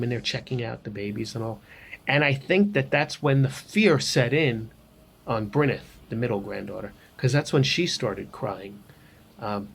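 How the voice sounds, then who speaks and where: An older man telling a personal story in a casual vlog, rambling with frequent pauses and restarts. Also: medium pitch, vocal fry, slight background noise. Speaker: vlogger.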